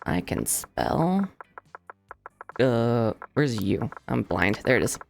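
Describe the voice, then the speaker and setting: A woman's voice: rumbling low, sing-song, slow pace, creaky, soft background music. A woman streamer who reads game narration aloud with flair and chats with a friend, laughing often. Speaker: VTuber streamer. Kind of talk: reading game text aloud and chatting.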